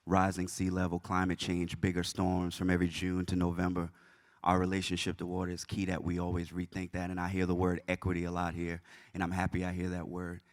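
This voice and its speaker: A man from the South Carolina Low Country performing spoken word poetry in a rhythmic, chanting delivery. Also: completely flat delivery, a little fast, no room sound, clean studio sound.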